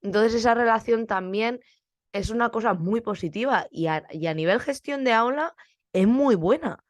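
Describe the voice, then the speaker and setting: A woman's voice: fairly high pitch, normal speed, no room sound. A young woman teacher from Spain, with a Spanish accent, chatting casually on her podcast and acting out bits of classroom dialogue.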